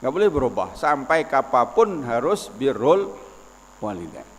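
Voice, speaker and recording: A man's voice: medium pitch, sing-song, measured pace, long reverb tail. A man, giving a religious lecture in an explanatory, folksy way with personal stories. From West Sumatra, Indonesia. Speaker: Islamic preacher.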